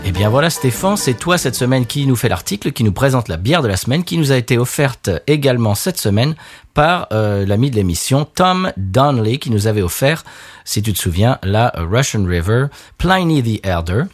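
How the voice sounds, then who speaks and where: Male podcast host, relaxed, animated intonation. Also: medium pitch, soft background music. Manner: easygoing, quick to laugh. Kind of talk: casual podcast hosting.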